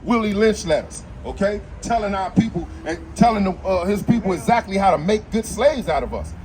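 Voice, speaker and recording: A man preaching on a city street outdoors, arguing forcefully and quoting scripture. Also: sits high, expressive, a little fast, a crowd in the background. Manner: forceful, argumentative, quotes scripture. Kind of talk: street preaching and Bible teaching.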